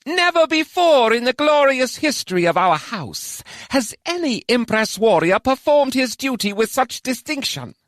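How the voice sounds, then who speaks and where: A male narrator voicing a pompous elf house lord with a high-pitched nasal voice, making grand ceremonial proclamations. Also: sing-song, a little slow, hardly any pauses, fairly bright tone, no echo, studio quality, full character voice. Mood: proclaiming. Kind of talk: audiobook character voice.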